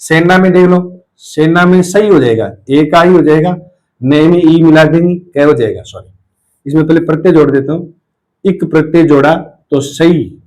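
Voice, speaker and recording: Higher-pitched Hindi teacher, slow and repetitive. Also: male voice, a little mellow, poor audio. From India. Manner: asks questions and answers them himself, repeating key words slowly. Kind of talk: spelling lesson for exam students.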